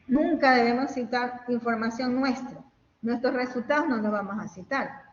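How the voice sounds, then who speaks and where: Female lecturer, fairly high voice, patient step-by-step delivery; long hall echo, muffled lo-fi line. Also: normal speed. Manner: explaining step by step, often checking with "¿ok?" and "¿no?". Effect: echoing, hall-like reverb. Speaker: university lecturer. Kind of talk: online class lecture. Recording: echoey, dull audio with faint hiss.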